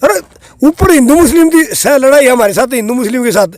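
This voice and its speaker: A man's voice: extremely high pitch, animated, fairly quick. A man, a farmer, speaking earnestly and with passion in a street interview. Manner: impassioned, earnest.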